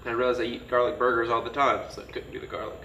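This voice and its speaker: A man in casual chat, joking and quick to laugh. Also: medium pitch, flat delivery, bright, forceful tone, muffled recording. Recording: echoey room, distant mic, faint noise.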